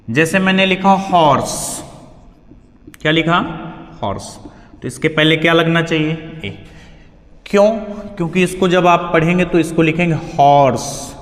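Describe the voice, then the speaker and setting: A male teacher giving a grammar lesson, asking questions and answering them himself. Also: on the high side. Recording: echoey hall sound.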